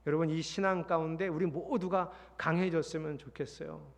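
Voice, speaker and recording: Middle-aged male pastor, sermon delivery, high voice, lively, long church reverb. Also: brisk, gravelly. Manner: lively, acts out quoted voices, sings hymn lines. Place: large church sanctuary.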